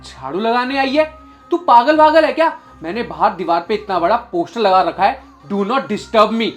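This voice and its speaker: A man's voice: high voice, moderate pace, a bit bright, faint music behind. A young man playing an arrogant employer who harshly and contemptuously scolds his maid. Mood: angry scolding. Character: arrogant young male boss, short-tempered. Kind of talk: short film acting.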